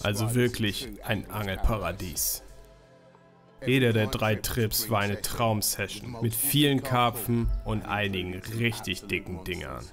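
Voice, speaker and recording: A man's voice: lowish voice, measured pace, music in the background. A man in his thirties narrating a carp fishing travel vlog, speaking with enthusiasm and exclaiming over big fish. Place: outdoors by a lake.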